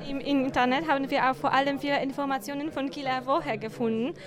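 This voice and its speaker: A woman's voice: high-pitched, fairly even intonation, fast talker. A young woman in her twenties from Poland, a native Polish speaker with a Polish accent, explaining earnestly in German as an exchange student. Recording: crowd and music behind.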